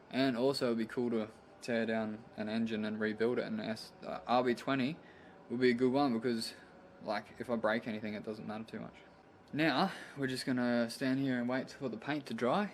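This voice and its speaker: Bloke, casual and slangy. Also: male voice, medium pitch, slight background noise. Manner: laid-back, slangy, swearing. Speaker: vlog host. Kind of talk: casual car vlog chat.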